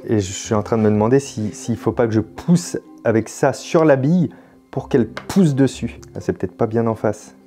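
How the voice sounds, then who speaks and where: A man's voice: medium pitch, normal speed, dark tone, faint music behind. A French man hosting a puzzle video, thinking aloud casually as he works, with jokes and mild swearing. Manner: casual, swears in surprise, jokey.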